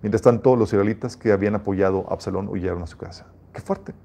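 A man's voice: fairly low pitch, steady tone, fast talker, vocal fry, mellow. A man preaching a sermon as a pastor, reading scripture aloud and speaking emphatically, often restarting his phrases.

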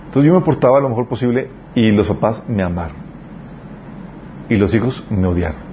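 A man's voice: lowish voice, animated, fairly quick, background noise. Man, conversational sermon, earnest, muffled lo-fi audio. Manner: earnest, conversational preaching with personal stories. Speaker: preacher. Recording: dull lo-fi recording.

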